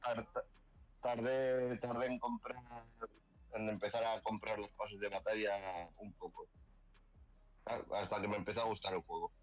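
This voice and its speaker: A man from Cantabria in northern Spain with a Cantabrian accent, chatting casually with some halting restarts. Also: on the low side, flat delivery, faint music behind, rough recording. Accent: Cantabrian Spanish. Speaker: guest gamer. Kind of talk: casual chat.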